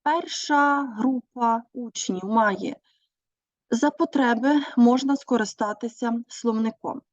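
A woman teacher giving a measured presentation on her teaching methods, pausing often with hesitations. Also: on the high side, dry recording. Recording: dull, dry recording.

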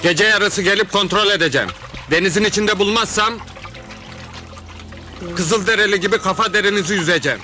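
An actor playing a cocky, street-smart neighborhood man who barks rough orders and mocking jokes. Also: high-pitched, a little fast, pauses often, close to an everyday voice. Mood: bossy. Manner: bossy, rough, mocking commands. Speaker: neighborhood tough turned headman candidate. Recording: old film soundtrack with music.

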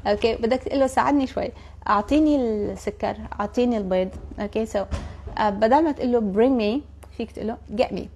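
A young woman with a Levantine Arabic accent teaching a live English class, chatty, and repeating English phrases slowly for her students. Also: fairly high pitch, darkish tone, dull audio, slight background noise.

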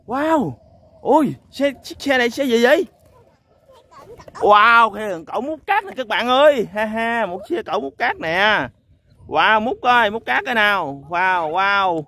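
Excitable high-voiced man. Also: normal speed. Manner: exclaims "wow" often, chuckles, addresses viewers. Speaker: toy vlogger. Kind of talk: excited toy-hunting vlog. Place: outdoors on a sandy lot.

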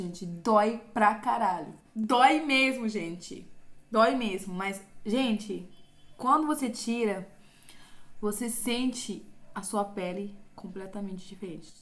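A woman's voice: a little high, measured pace. A young Brazilian woman with a Brazilian Portuguese accent, vlogging casually to her viewers and dramatically exclaiming and groaning. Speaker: beauty vlogger. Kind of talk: casual vlog talk to viewers.

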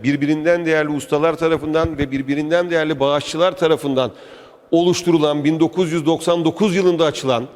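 An echoing indoor museum hall frames this casual walking tour by a travel vlog host. His voice is fairly high with a darkish tone, and he chats enthusiastically, addressing the viewer directly.

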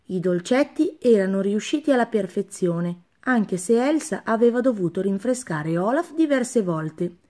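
A woman reading a children's storybook aloud with a clear, expressive delivery. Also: mid-range voice, unhurried, hardly any pauses.

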